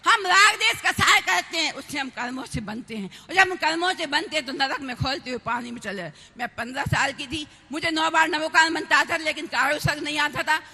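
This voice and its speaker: A woman in her fifties from Madhya Pradesh speaks at a religious gathering, her very high, bright voice turning gravelly at the edges. She exhorts with fervour, often rising to a shout, and a long hall reverb trails every phrase. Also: a little fast, hardly any pauses. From Madhya Pradesh, India. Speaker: celibate religious sister giving a tribute. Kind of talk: impassioned devotional speech.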